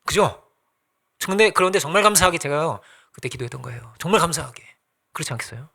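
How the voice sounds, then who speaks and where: A man's voice: fairly high pitch, lively intonation, quick pace, creaky, pushed and bright, breathy edge. A man pastor preaching a sermon in a conversational way, asking the congregation questions and acting out little quoted exchanges.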